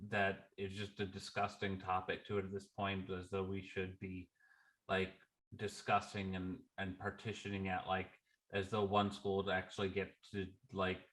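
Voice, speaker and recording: Man panelist, deep, flat delivery, hesitant with lots of restarts. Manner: hesitant, many fillers and restarts. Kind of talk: panel discussion.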